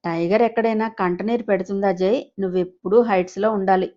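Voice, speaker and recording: A woman narrator gives voice to a departed woman's spirit who comforts her grieving love in soft, tender words. The storybook audio sounds slightly dull and lo-fi. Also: mid-range voice, steady tone, fast, natural voice. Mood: consoling. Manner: soft, consoling.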